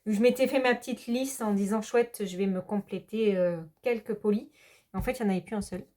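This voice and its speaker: A woman chats casually to her viewers in a relaxed vlog. She rambles and hesitates, with plenty of pauses as she goes. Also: mid-range voice. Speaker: hobby vlogger.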